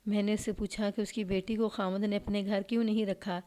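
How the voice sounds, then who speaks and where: Woman, storyteller, crime story narration, measured reading, mid pitch. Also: flat delivery, dark tone.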